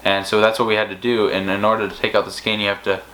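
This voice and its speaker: A man's voice: on the low side, level tone, fast talker, fairly bright tone, poor audio. A man co-hosting a fishing channel, telling stories in a casual, rambling way with many restarts. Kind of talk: casual storytelling chat.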